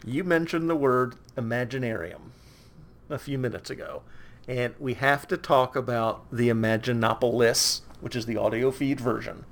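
A podcast co-host explaining things steadily, with a gravelly voice and frequent affirming murmurs. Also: mid-range voice, fairly even intonation, normal speed. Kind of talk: casual chat.

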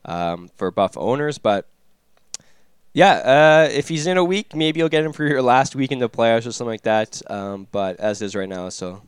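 A man's voice: mid-range voice, lively intonation, moderate pace, smooth, dry recording. A man co-hosting a casual fantasy hockey talk, rambling with many fillers and loose asides. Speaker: fantasy hockey podcast co-host. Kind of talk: casual chat.

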